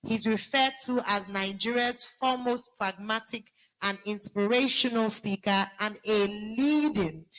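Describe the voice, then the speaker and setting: A woman's voice: medium pitch, a bit bright, low-quality recording. A woman hosting an event on stage, introducing a speaker and rousing the audience to cheer. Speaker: event host. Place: large hall with an audience.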